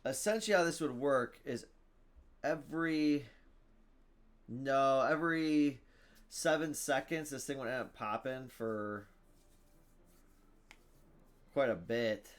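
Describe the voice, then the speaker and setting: Casting: male gaming streamer, mid-pitched, muttering his way through game choices and reading cards aloud. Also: takes it slowly, pauses often. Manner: thinks aloud, reads item text, groans at bad luck. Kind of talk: casual gameplay commentary.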